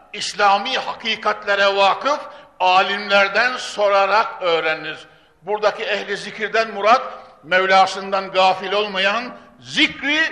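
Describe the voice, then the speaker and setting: A man preaching a sermon into a pulpit microphone in a large hall. He declaims Arabic quotations and then drops to hushed, earnest tones. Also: sits high. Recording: echoey hall with long reverb.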